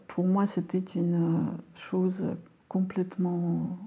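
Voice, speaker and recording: A woman from Ukraine, a lawyer, giving a halting, emotional testimony in a recorded video. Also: lowish voice, flat delivery, gravelly, mellow. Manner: halting, emotional, many fillers.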